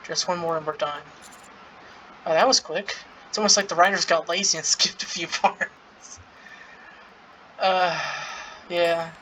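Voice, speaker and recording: Casual gaming playthrough voice, mid-pitched and bright, reading dialogue aloud with amused, giggly reactions. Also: fairly even intonation, unhurried, long pauses, a little hiss or hum, poor audio. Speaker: gaming content creator playing through a story event.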